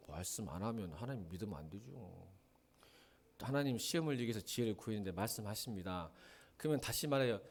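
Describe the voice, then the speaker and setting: Animated Korean pastor preaching, lively pitch. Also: male voice. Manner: animated, questions the congregation and answers himself; swings from soft low asides to loud emphatic lines. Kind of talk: sermon.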